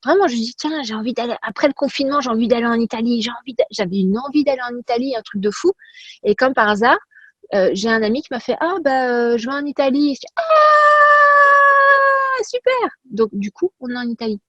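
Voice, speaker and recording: Energetic French-speaking woman coach, dry sound. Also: on the high side, fast talker, slightly rough, no echo, highs cut off. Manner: energetic, repetitive, rhetorical questions. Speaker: personal development coach. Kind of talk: motivational talk to camera.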